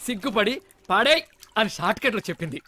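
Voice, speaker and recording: A man's voice: sits high, animated, quick pace, bright, forceful tone, slight background noise. An actor dubbing a know-it-all male sidekick who is bossy and mocking and rattles off comic lists, in a dubbed film comedy scene.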